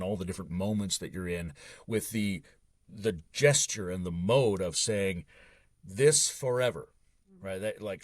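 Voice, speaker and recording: A man's voice: low voice, no echo. A man, a guest author on a podcast, explaining philosophical ideas in a fluent, lecture-like way. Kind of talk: philosophical conversation.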